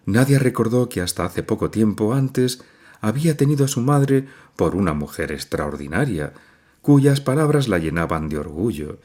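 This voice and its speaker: A man reads a novel aloud as an audiobook narrator. His voice sits low, yet it rises and falls widely for dramatic effect. The delivery is expressive and measured.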